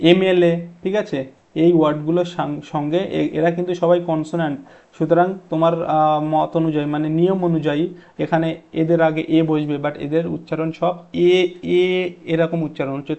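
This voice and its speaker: A man's voice: on the high side, a little mellow, muffled recording. A man teaching an exam-prep English grammar lesson, explaining step by step and asking his students questions.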